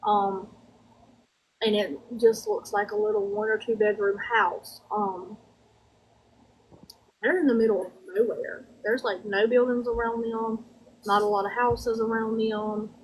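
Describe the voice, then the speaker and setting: A woman with a Southern US drawl giving a conversational spirit reading in a folksy, halting way, often circling back over her words. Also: mid-range voice, flat delivery, slight background noise, rough recording.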